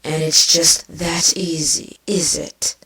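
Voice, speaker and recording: A woman voicing a proud, bitter and defensive changeling insect queen, with a haughty, drawn-out delivery. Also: sits low, flat delivery, sharp tone, full character voice. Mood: dark, bitter. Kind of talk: fan fiction voice acting.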